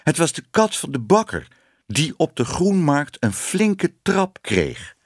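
A man reading a children's story aloud with an expressive storytelling voice. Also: a little high, slow pace, dry recording, clean studio sound. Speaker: narrator.

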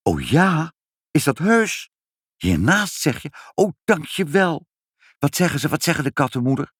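A man's voice: on the high side, sing-song, a little slow, a bit bright, breathy edge, dry recording, clean studio sound, pitched above the performer's own voice, heavily acted. A man voicing an anxious little girl who pleads in a raised, plaintive voice. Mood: eager.

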